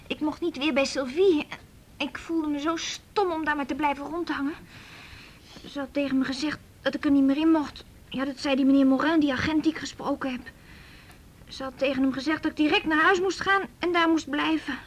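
The role is a hurt, defiant young runaway in a naturalistic radio drama, and the actress delivers it in a halting, wry way with a rueful, weary mood. Her voice is high-pitched and natural, with fairly even intonation.

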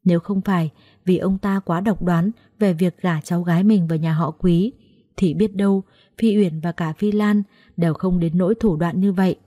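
Warm-toned woman narrating a story. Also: fairly low pitch, moderate pace. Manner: lively, conversational storytelling. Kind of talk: first-person audiobook story narration.

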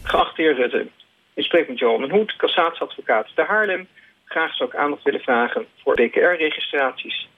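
A man, a lawyer, leaving a measured, formal voicemail message over the phone. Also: a little high, animated, noisy background. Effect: leaving a voicemail over a phone line. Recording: tinny phone line, husky.

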